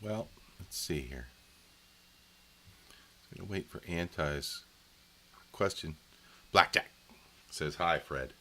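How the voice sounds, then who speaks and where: A man with a deep, low voice chats casually on a live stream from home. He rambles in a friendly, folksy way and talks straight to his viewers. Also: slow pace, long pauses, bright, forceful tone, slight background noise.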